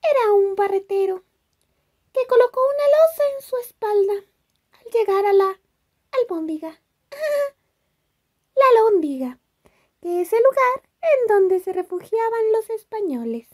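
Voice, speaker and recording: Puppet storyteller, squeaky very high voice, giggly, slow. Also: female voice, very animated, a little mellow, exaggerated voice. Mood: eager telling. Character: eager little puppet storyteller Leyendín. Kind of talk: children's puppet show.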